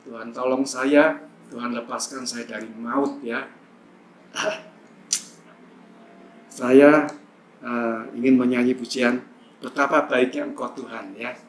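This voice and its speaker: A man's voice: medium pitch, fairly even intonation, takes it slowly, pauses often. A man casually telling a personal testimony at a church service, rambling with many fillers. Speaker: church member giving a testimony. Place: church hall. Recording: echoey church hall, faint hum.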